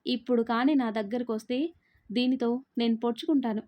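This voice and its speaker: Woman reading a scared tearful young woman in a story, pleading, higher voice. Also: fairly even intonation, fairly quick, darkish tone, close to an everyday voice. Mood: desperate. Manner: pleading, crying out.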